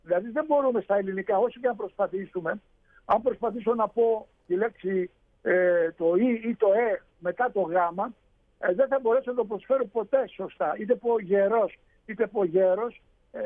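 A man's voice: high voice, no echo, narrow, tinny audio. A man explaining Greek pronunciation on a radio show, hesitant, with many fillers and restarts. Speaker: radio show guest speaker on Greek language.

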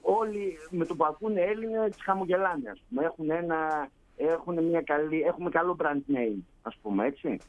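A man's voice: a little high, poor audio. A man from Greece chatting casually, telling stories and acting out quoted dialogue. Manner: storytelling, acts out quoted dialogue. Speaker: guest, Greek living in Canada. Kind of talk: casual chat.

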